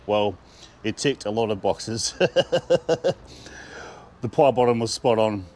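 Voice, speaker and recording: A man's voice: fairly low pitch, slow pace, a little mellow, slight background noise. A man with an Australian accent, chatting with enthusiasm as he reviews food and laughing often. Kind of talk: casual food review vlog.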